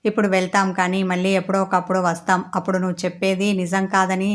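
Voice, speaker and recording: A woman's voice: mid-range voice, flat delivery, quick pace, lightly acted. Woman doing a menacing gang leader. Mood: threatening. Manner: threatening, commanding. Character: menacing male gang leader, commanding thug.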